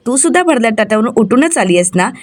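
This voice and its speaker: A woman's voice: fairly high pitch, sing-song, quick pace. A woman reading the lines of a cheerful young husband who coaxes and teases his wife in a retold TV serial. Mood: coaxing.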